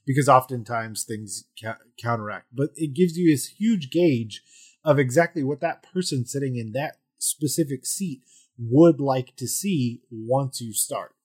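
Male podcast host, husky mid-range voice, casually explaining with emphatic repeats. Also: medium pitch, measured pace, a little mellow. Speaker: podcast host and game master. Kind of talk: casual explanatory chat about tabletop gaming.

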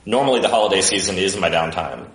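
A man talking in a relaxed, chatty way as a podcast guest, his voice carrying a cave-like echo as if he sits in a cavern. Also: sits low, quick pace. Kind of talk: casual chat. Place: echoey basement room.

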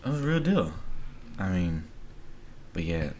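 A man with a low voice that rises and falls a lot as he talks through a casual podcast chat. He speaks softly and openly. A faint noise sits behind him. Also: very animated, unhurried.

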